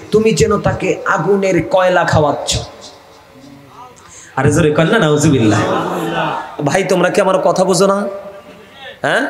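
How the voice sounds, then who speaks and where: A man's voice: high-pitched, roomy sound. A man with a Comilla Bengali accent preaching a waz sermon and calling out to the crowd for responses. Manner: calls out to the audience for responses, chanting pleas. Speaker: Islamic preacher.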